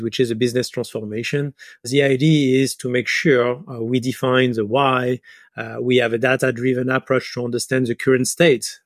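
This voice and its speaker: A middle-aged man from France, a business software advisor, gives explanatory answers as a guest on a conversational podcast interview. His French-accented voice sits at medium pitch, captured in a dry, studio-quality recording.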